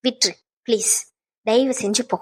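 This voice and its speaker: An actress playing a patient married daughter who calmly pleads with her mother, in a serial drama. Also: fairly high pitch, normal speed, natural voice. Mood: soothing, pleading. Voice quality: soft, pleading, placating.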